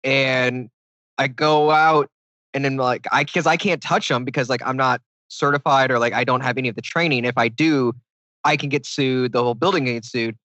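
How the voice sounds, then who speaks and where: A young man on a podcast rambles through a story, his words tumbling out with "like" again and again. He is recorded close and dry, with an ordinary middle-pitched voice. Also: steady tone, normal speed, sharp tone, no echo, rough recording. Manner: rambling storytelling full of "like", slipping into mock English accents. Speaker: podcast co-host. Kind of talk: casual podcast banter.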